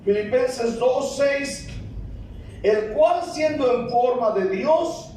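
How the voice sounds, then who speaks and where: A man with a Guatemalan Spanish accent preaches in a very high voice, drawing his phrases out slowly and building to shouts. His voice rings through a large, echoing church hall. He stands a little away from the microphone, with faint room ambience behind him. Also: expressive, recorded from a distance, slight background noise. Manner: emphatic preaching, rising to shouts, slow deliberate phrasing. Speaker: pastor. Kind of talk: sermon.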